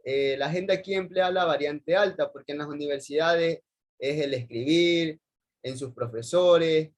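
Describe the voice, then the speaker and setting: Hesitant Ecuadorian young man, higher voice. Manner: rambling, repeats stock phrases with many hesitations. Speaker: university student presenting. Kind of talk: class presentation over video call.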